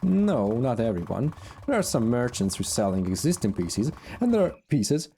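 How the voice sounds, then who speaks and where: A man's voice: mid-range voice, sing-song, normal speed, dark tone, slight background noise. A man voicing a proud, boastful female asura quarry leader in a fantasy game, talking down with scorn. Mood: haughty. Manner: haughty, scornful.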